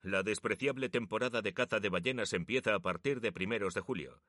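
A man's voice: lowish voice, fairly quick, fairly bright tone, no echo, clean studio sound, lightly acted. A man voicing a proud young photographer who talks earnestly and jokes with his brother. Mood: resolute. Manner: earnest, sometimes teasing.

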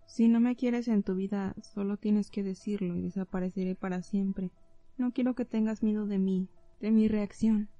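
A woman voicing a brooding, controlling male professor in an audiobook, speaking in a low, earnest way. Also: fairly even intonation, moderate pace, mellow, no echo, muffled recording, soft background music, lightly acted.

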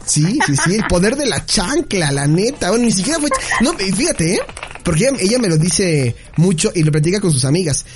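A man's voice: high voice, big pitch swings, fairly quick, heavy background noise. A man with a Mexican accent telling a childhood anecdote in a casual, playful chat, often laughing as he talks. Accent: Mexican Spanish. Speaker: podcast co-host.

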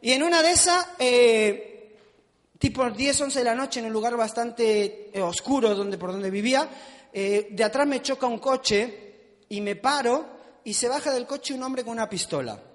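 A man's voice: very high voice, unhurried. A male preacher giving a conversational sermon with self-mocking humor, asking the audience questions. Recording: long hall reverb.

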